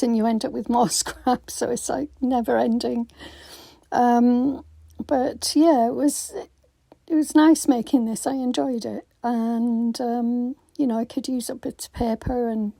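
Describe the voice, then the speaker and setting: A woman hosting a craft channel records a casual voiceover on her phone, her voice croaky after being ill. It sits on the high side and comes out mellow and slow, and she's hesitant, with many ums and restarts. The recording is dry.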